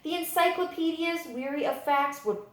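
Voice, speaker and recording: In a reverberant space, a high-pitched woman acting as librarian narrates a picture book for children, drawing out her emphasis in deliberate, expressive storytelling.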